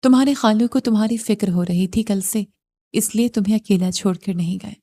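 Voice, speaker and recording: A woman voicing a caring middle-aged aunt in an audio novel who gives gentle, motherly instructions. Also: mid-range voice, close to an everyday voice. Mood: concerned.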